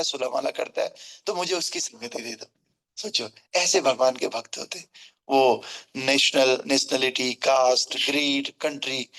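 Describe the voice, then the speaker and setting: A man's voice: a little high, fairly bright tone, poor audio. A man giving a scripture lecture, slipping English words into his preaching, asking rhetorical questions and checking that his listeners follow. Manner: acts out quoted family scolding.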